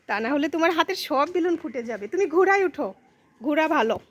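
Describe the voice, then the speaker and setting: A woman's voice: high-pitched, expressive, fast. A woman filming and narrating a casual family vlog, coaxing her small daughter while talking to viewers.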